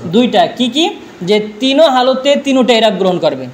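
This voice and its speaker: A man's voice: extremely high pitch, expressive, moderate pace, slight background noise. A man teaching a grammar lesson, drilling his students with repeated questions and answers, speaking.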